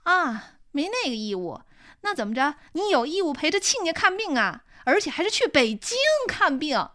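A woman reading an audiobook, voicing a sharp-tongued elderly mother who scolds and sneers at her grown daughter. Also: very animated, moderate pace, no echo, studio quality, full character voice. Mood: scolding. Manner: scolding, sarcastic, lower than the narrator's voice.

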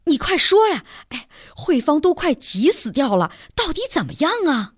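An anxious old grandmother firing off insistent questions, her voice rising high and lively , as a woman storyteller plays her. It sounds close and dry, read aloud as part of a story. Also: normal speed, dry recording. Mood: urgent. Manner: pressing, urgent questioning.

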